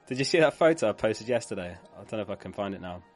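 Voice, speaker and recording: A man with a lowish voice that's going hoarse hosts a live fantasy football stream. He chats away, reads viewer comments aloud and laughs along with them.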